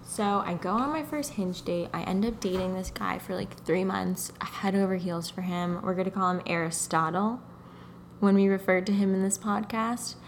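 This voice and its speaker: A young woman co-hosting a podcast, telling a dating story in a casual, animated way, often laughing and mocking herself. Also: mid-range voice, moderate pace, slight background noise. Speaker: podcast co-host.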